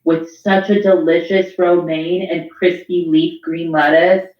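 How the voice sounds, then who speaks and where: A woman co-hosting a casual podcast, rambling and crude in animated banter. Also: on the low side, measured pace, dull audio. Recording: roomy echo.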